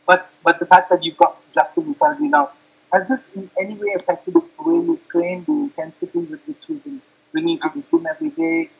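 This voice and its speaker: A man with a gravelly, husky voice, asking questions as a reporter in a press interview. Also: high-pitched, very animated, brisk, low-quality recording.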